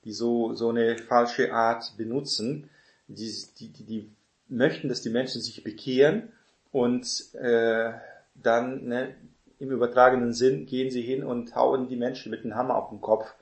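A man preaching in a loose, conversational way, often pausing on fillers and checking in with his listeners. His voice sits at a middle pitch and carries a roomy echo. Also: fairly even intonation. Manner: conversational, many fillers and tag questions. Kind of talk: sermon teaching. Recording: echoey room.

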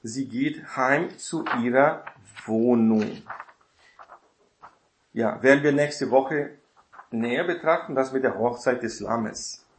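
Man, bible teacher, casual lecture, chatty, mid pitch, echoey room. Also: slow, pauses often, slight background noise. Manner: chatty, often adds tag question "ne?".

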